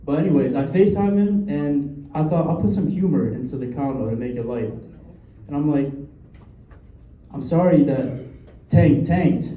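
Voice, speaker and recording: A young man performs stand-up, his voice dark and mellow and a little higher than most. He delivers dry, halting lines with deadpan punchlines. The sound is roomy and distant, with a faint hum of ambience behind him. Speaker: stand-up comedian. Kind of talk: stand-up set.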